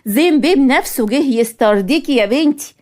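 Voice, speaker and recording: A woman with an Egyptian accent voicing an eager, flattering middle-aged mother. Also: high voice, a little fast. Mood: gushing. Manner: gushing, flattering.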